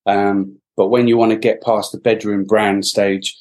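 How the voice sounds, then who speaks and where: A middle-aged Welshman appears as a guest on a podcast, talking reflectively in interview with many fillers and restarts. His voice is lowish and darkish, with a level tone and an unhurried pace.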